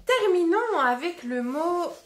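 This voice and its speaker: A woman reading a storybook aloud to children and leading a phonics lesson, slow and clearly articulated. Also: extremely high pitch, sing-song. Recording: roomy echo.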